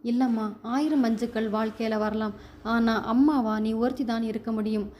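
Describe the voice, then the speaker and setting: A woman's voice: fairly high pitch, steady tone, normal speed, a little mellow, a little hiss or hum, close to an everyday voice. A woman voicing a young man who gives in to his mother with resignation, in a storybook reading. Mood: resigned. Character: young man torn between love and mother.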